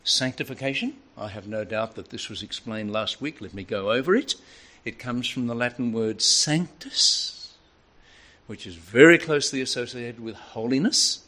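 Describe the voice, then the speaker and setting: A man's voice: medium pitch, normal speed. Older man preaching a storytelling sermon. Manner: storytelling, lively and varied delivery.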